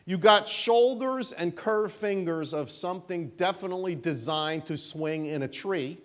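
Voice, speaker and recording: Speaking in a high-pitched voice at a measured pace, a middle-aged man leads a church Sunday school class. His manner is folksy, casual, and animated, laced with sarcasm and lots of fillers.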